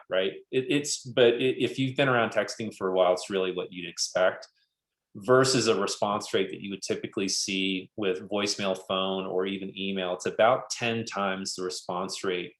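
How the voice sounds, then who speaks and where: A webinar presenter gives an informal business presentation, explaining step by step and often restating himself. His voice is lowish and a bit bright, and the sound is roomy and echoey.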